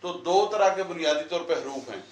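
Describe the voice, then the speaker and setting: A man's voice: on the high side, lively intonation, brisk. A man teaching a Quran lesson at a whiteboard in a classroom, quizzing the class and repeating their answers. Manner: asks questions and repeats the answers. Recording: echoey room, voice from far off.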